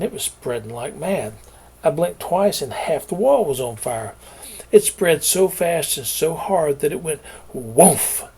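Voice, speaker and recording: A man's voice: on the high side, warm tone, husky. A middle-aged man, reading his own novel aloud and telling its backstory in a folksy way. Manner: folksy storytelling with homespun sayings. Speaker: author.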